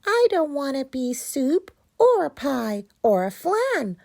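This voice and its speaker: A woman voicing a cheerful, friendly boy pumpkin in a children's storybook, with a bright and eager manner. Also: high voice, sing-song, takes it slowly, gravelly, voice pushed up, exaggerated voice. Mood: worried.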